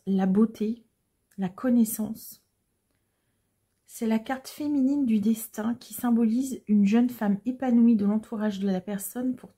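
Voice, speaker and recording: Tarot reader, female, warm dark tone and slightly raised pitch, gentle and unhurried, pausing often as she explains. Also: slightly rough. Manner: gentle, hesitant explaining with frequent pauses. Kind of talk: casual tarot reading to viewers.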